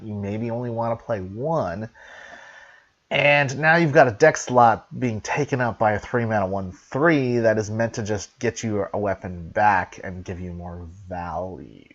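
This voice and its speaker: A man giving a casual card game review, chatty and animated, who swears freely. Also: lowish voice. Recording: dull lo-fi mic.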